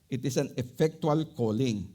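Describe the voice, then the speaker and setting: A man's voice: mid-range voice, normal speed, dark tone. A man with a Filipino accent preaching a sermon, emphatic and repetitive, often checking in with "okay?" and switching between English and Tagalog.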